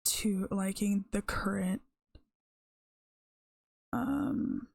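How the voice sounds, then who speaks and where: A woman's voice: medium pitch, steady tone, drawn-out words, gravelly, darkish tone, no room sound. A woman streamer chatting casually and rambling on a live stream, often breaking off mid-thought. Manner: rambling, chatty, self-interrupting.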